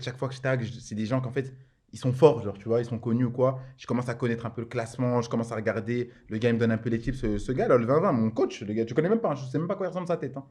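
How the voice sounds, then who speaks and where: A man's voice: mid-range voice, darkish tone. A man, a podcast guest, telling stories in a casual chat, slangy and full of filler words. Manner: slangy, rapid, full of fillers like genre and en mode.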